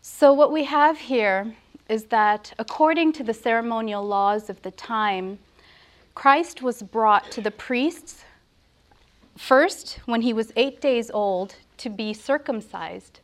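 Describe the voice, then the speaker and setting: Fairly high-voiced woman preaching at a pulpit microphone. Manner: earnest, measured, reverent. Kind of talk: sermon with prayer and scripture.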